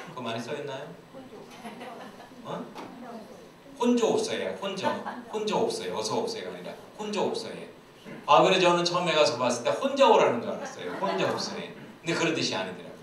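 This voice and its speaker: A man's voice: mid-range voice, a bit bright. A man preaching a sermon as pastor, telling jokes and playful stories. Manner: playful, joking storyteller. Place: church sanctuary. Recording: very echoey church hall, distant mic, faint hiss.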